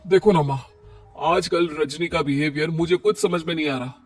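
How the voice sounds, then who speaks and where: A man's voice: fairly high pitch, normal speed, dry recording, soft background music, lightly acted. A man voicing a tired, sulky young husband in a cartoon story, pleading and hurt.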